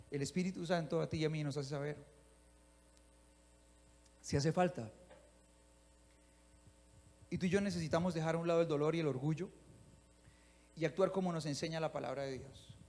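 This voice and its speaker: In a large hall, a preacher with a fairly high voice speaks at a moderate pace, pausing often. His sermon is lively, with acted-out scenes and repeated questions asking the congregation if they follow.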